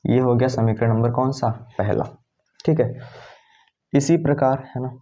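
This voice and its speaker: A male math teacher with a medium-pitched, steady, mellow voice works through a lesson at the board, explaining each step as he writes, in no hurry. He constantly checks in with "है ना" and asks questions that he answers himself. The sound is dull and lo-fi.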